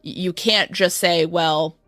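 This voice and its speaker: Low-voiced woman explaining a trial, close and dry. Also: moderate pace, a bit bright, no room sound, soft background music. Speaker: podcast host. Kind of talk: conversational true-crime trial commentary.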